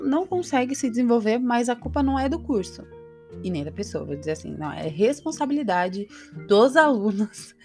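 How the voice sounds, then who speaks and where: A woman's voice: a little high, darkish tone. A Brazilian woman with a Brazilian Portuguese accent, hosting a casual English-lesson podcast, tossing in checks like "tá?" as she goes. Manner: chatty, peppers lines with "tá?" and "entendeu?". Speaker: English teacher, podcast host.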